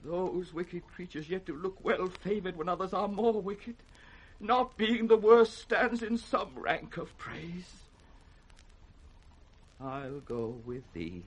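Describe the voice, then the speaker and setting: An actor playing an old, betrayed, grief-stricken king in radio Shakespeare, declaiming from hushed tones to cries. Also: high voice, takes it slowly, slightly rough, full character voice. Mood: bitter. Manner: declamatory, swinging between hushed and crying out. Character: old betrayed king, raging, wounded, slipping toward madness. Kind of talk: 1960s British radio Shakespeare acting.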